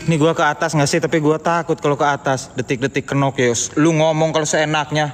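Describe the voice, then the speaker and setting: Jittery male ghost-hunting streamer, slightly high voice, long hall reverb, phone mic. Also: fairly even intonation, fairly quick. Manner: jittery, calling out into the dark. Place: empty haunted building indoors. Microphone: handheld phone. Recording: reverberant hall with faint noise.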